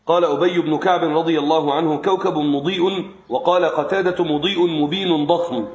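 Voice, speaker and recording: A man's voice: on the high side, fairly quick, dull audio. Man reading aloud in an echoey room. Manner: steady recitation with small restarts. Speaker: student reading aloud to a teacher. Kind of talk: reading a classical commentary aloud.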